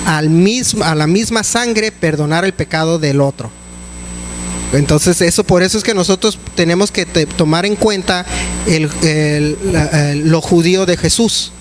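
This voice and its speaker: A man's voice: fairly high pitch, measured pace, a little hiss or hum, poor audio. A man preaching a sermon as pastor, in a conversational way with many restarts and fillers.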